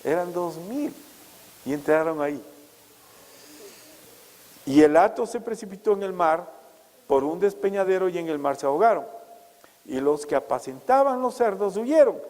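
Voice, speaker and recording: A male pastor preaching a sermon, asking rhetorical questions and rising loud and high for emphasis. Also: animated, normal speed, long pauses, long reverb tail, low-quality recording.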